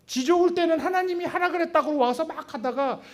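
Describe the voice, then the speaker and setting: A man preaching a sermon in church, talking to the congregation with rhetorical questions, sudden loud stresses and quiet asides. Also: very high voice, fairly quick. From Korea. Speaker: pastor. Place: church sanctuary.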